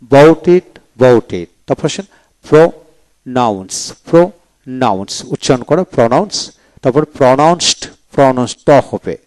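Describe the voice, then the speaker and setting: A man teaching English grammar in Bengali with a Bangladeshi accent, slowly saying each word several times and then giving its meaning. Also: medium pitch, a little mellow, no room sound. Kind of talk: slow word-by-word vocabulary drill.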